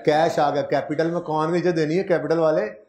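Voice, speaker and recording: A man with a fairly high, slightly mellow voice delivers an accounting lecture at a moderate pace and with fairly even intonation. He breaks things down step by step, checks in often with the class, and the room has an echo.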